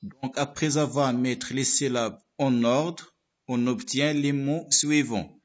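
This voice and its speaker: A man with a Moroccan accent teaching a French workbook lesson, repeating every word and syllable slowly, and now and then explaining in Moroccan Arabic. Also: medium pitch, steady tone, dull audio.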